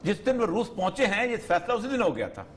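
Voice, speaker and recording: A man analyzes politics on a TV talk show. His voice sits high and swings widely in pitch. He gets animated and slips into other voices when he quotes people. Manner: animated, acts out quotes with voice changes. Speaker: political analyst, program's regular guest. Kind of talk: studio talk show discussion. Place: TV studio.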